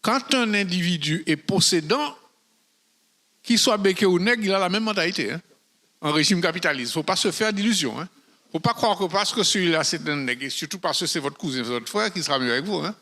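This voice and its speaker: A man from French Guiana who has lived in Martinique for decades, telling a story with lively rhetorical asides at a public debate. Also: high-pitched, fairly quick.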